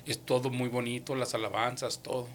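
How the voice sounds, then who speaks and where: Brisk and medium-pitched, a man recounts his personal faith testimony over slight background noise. Conversations get replayed as animated, acted-out dialogue, and English words drop into his speech along the way.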